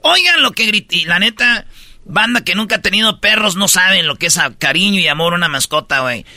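A Mexican man hosts a comedic news chat, full of slang and jokes, often acting out voices. His voice sits high and very bright. The sound is dry and close to the mic. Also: fast, dry recording. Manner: slangy, joking, acts out voices. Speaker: host.

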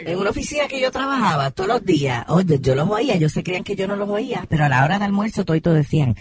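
A man's voice: high-pitched, huge pitch swings, very fast, noisy background. A man playing a campy female radio gossip host. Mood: boastful. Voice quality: sing-song, exaggerated delivery with mixed English phrases. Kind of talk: comedic radio sketch.

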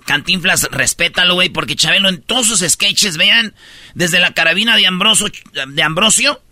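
A man's voice: high voice, normal speed, sharp tone, no echo, studio quality. A man with a Mexican accent, hosting a radio show and telling a story in slangy, rambling casual chat. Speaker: radio host.

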